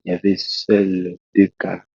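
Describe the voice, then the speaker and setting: A very low, gravelly man's voice with a husky edge, recounting his testimony haltingly and restarting his sentences. He is a preacher from Congo, speaking in a dry, dull, lo-fi recording. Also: monotone, darkish tone, no room sound. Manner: slow, halting storytelling with many restarts. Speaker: preacher, guest. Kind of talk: testimony in a talk show interview.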